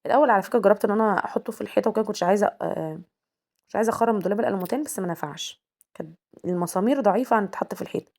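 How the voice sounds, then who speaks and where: A young Egyptian-accented homemaker vlogger chats casually in a home vlog, addressing her viewers directly as girls and asking what they think. Her mid-range voice races along with a darkish tone.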